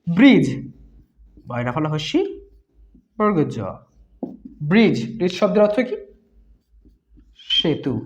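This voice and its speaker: A woman with a fairly low, sing-song voice teaches a beginner reading lesson, spelling letters out one at a time and repeating words slowly. She poses questions and answers them herself, and the recording is dull and lo-fi.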